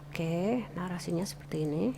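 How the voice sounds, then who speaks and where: A woman's voice: lowish voice, moderate pace, creaky, mellow, a little hiss or hum. A woman teaching how to read news and narration aloud. She reads passages herself and repeats key words to show stress and intonation. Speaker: radio broadcasting instructor. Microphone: close desk microphone she adjusts.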